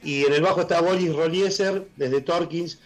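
A middle-aged Argentine man with a worn, husky voice, a blues musician talking enthusiastically on a casual radio interview over a video call. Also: fairly high pitch, fairly even intonation, low-quality recording. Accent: Argentine Spanish. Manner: enthusiastic, halting with fillers. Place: room at home, joining by video call.

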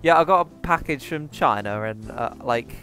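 A young man banters loudly with friends while gaming, swearing at almost every turn. His pitch swings high and low as he jokes. Loud game music sits under his voice. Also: animated, normal speed. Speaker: gaming channel host. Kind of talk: casual gameplay chat with friends.

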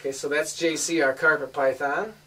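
A woman's voice: low voice, steady tone, brisk, pushed and bright. A woman hosting a casual family home video, chatting upbeat and coaxing the kids along as she shows things off. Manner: upbeat, coaxing the children on camera. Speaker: host showing a family snake collection. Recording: distant home camera audio, light hiss.

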